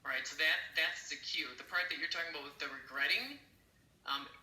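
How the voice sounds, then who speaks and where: A man teaching an interpreting class online, animated and emphatic, acting out examples as he explains. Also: on the high side, a little fast, roomy sound, poor audio. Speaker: interpreting instructor.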